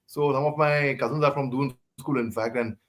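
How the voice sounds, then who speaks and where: A man's voice: medium pitch, steady tone, normal speed. A man with an Indian English accent interviewing casually, often repeating words and slipping into Hindi.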